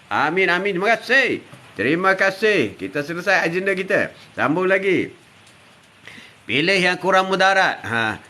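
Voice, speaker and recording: A man's voice: sits high, very animated, normal speed, sharp tone. An older man with a Malaysian Malay accent, chatting casually on a live stream, greeting viewers by name and teasing them with laughs. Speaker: live-stream host reading viewer comments.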